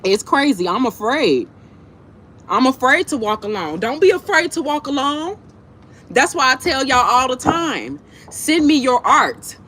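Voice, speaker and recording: A woman with a fairly high, very animated voice holds forth to her livestream viewers while eating. She is blunt and slangy, swearing freely and repeating phrases for emphasis. There is noticeable background noise on the recording. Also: a little slow. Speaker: livestream host talking to viewers. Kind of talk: casual, impassioned monologue to viewers.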